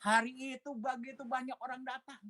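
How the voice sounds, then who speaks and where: A man's voice: very high voice, level tone, brisk, sharp tone, slight background noise. A man who is a pastor, giving an emotional personal testimony, telling his story animatedly, acting out the voices of others, and dropping in English phrases.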